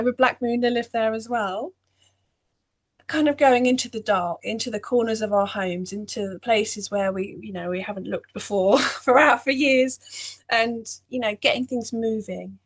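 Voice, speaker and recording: A woman giving a meandering spiritual astrology talk, full of "you know" fillers. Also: fairly high pitch. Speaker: astrology channel host.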